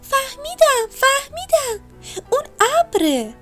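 Woman playing a little rabbit, squeaky, very high, pleading, eager, storybook. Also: lively intonation, soft background music. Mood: excited. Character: little rabbit, small, tearful then eager.

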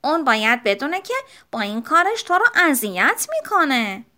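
A kind, firm schoolteacher, as a woman narrator reads her. She speaks calmly, in a fairly high, lively voice. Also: full character voice.

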